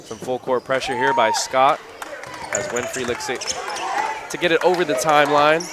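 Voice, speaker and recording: A man calling live college basketball play-by-play in brisk, clipped phrases that rise on big plays. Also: on the high side. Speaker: play-by-play announcer. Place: college gym. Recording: loud crowd and gym noise.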